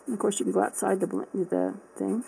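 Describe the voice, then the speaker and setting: A woman's voice: medium pitch, flat delivery, quick pace, gravelly, warm tone, a little hiss or hum, rough recording. A woman casually chatting through an art supply unboxing, thinking aloud with lots of fillers and restarts.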